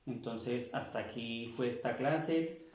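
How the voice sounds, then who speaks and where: A man teaching a language class, slowly repeating and sounding out each word for his students. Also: mid-range voice, a little mellow, very echoey, a little hiss or hum. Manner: slow, repeats words, sounds them out. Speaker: French teacher.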